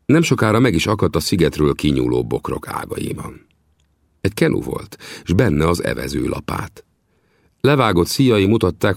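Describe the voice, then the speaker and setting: Deep, gravelly male audiobook narrator. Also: dry recording, clean studio sound. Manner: expressive storytelling, lively adventure pacing. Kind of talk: first-person audiobook narration.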